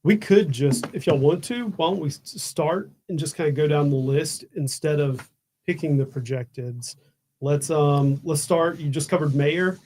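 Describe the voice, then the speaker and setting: Male analyst, somewhat high voice, calm and directive. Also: moderate pace, a little hiss or hum. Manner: directive, organizing the coverage.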